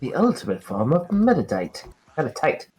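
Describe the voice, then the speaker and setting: A man's voice: medium pitch, wildly swooping pitch, normal speed, a little mellow, faint music behind. A man in a casual stream chat, teasing his friends and laughing easily.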